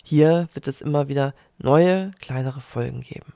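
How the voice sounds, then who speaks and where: A woman hosting a podcast, reading her introduction from a script and then asking her guests calm questions. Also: a bass voice, normal speed, creaky, no room sound, studio quality. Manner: reads announcements, then asks calm questions. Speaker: podcast host.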